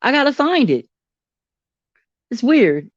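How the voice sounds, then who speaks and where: A woman vlogging in a candid, chatty and expressive way. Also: high-pitched, slow pace, no echo, lo-fi sound. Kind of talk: casual personal vlog.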